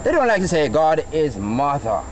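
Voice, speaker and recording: Jamaican male, Rastafarian street philosopher, very animated, quizzing and lecturing; noisy outdoor recording. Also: on the high side, normal speed. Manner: didactic, quizzing listeners with rhetorical questions. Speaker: Rastafarian farmer.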